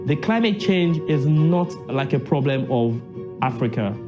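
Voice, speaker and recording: A man's voice: mid-range voice, lively intonation, unhurried, over music. A man from Nigeria, talking emphatically in an interview, repeating phrases and asking himself questions. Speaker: university lecturer and assembly delegate. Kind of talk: casual interview.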